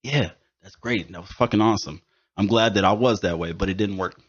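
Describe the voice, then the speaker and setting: Thirty-something guy hosting a podcast, low voice, cussing a lot, kinda muffled lo-fi sound. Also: brisk, husky. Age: 30s. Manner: profane, emphatic storytelling. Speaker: podcast host. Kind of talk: casual podcast chat. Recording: dull lo-fi studio recording.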